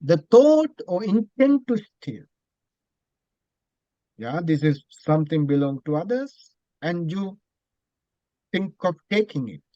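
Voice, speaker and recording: Slow, high-voiced monk giving a dharma talk. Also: male voice, big pitch swings, warm tone, dry recording, dull audio. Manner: slow, deliberate, with repeated phrases. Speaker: Buddhist monk teacher.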